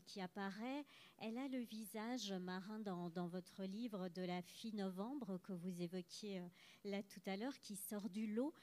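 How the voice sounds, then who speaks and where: A woman's voice: medium pitch, dark tone. A woman interviewer asking polite, formal questions that she builds with care.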